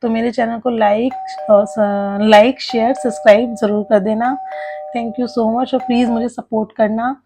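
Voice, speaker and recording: A woman's voice: a little high, mellow. A young woman from India narrating her family vlog in a chatty, rambling, confiding way, sleepy late at night. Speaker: vlogger.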